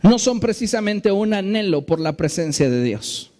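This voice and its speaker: A man preaching a sermon as a pastor in his church, slowing down and stressing key phrases in an earnest way. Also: high-pitched, big pitch swings, a little mellow. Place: church sanctuary.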